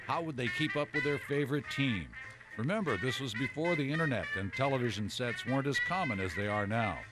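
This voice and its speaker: A male news reporter narrates a sports history feature with lively, vivid storytelling, his pitch mid-range. Music plays clearly underneath his voice-over. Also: a little fast.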